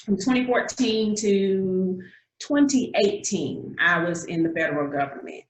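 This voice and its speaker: A woman's voice: medium pitch, measured pace. A woman in her thirties from Georgia with a Southern accent, a guest telling her story in a casual interview. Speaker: guest singer. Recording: echoey room.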